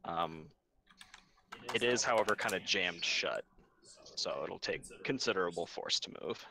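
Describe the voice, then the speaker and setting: A young man with a low, bright-edged voice narrates a tabletop game as its game master. He talks in a relaxed, meandering way, stopping often for fillers. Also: unhurried, vocal fry. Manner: relaxed, hesitant with many fillers.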